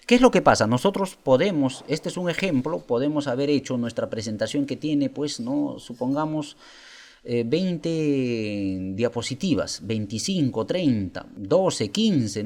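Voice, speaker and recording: A man presenting a software tutorial, explaining step by step and asking viewers rhetorical questions. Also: medium pitch. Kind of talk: screen-recorded software tutorial.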